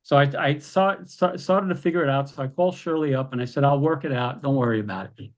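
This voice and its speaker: An animated man recounts wrestling tales as a podcast guest. He tells it casually, in a middle-pitched voice, and leaps into quoted lines with a raised voice. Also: fast talker, lo-fi sound. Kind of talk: casual storytelling.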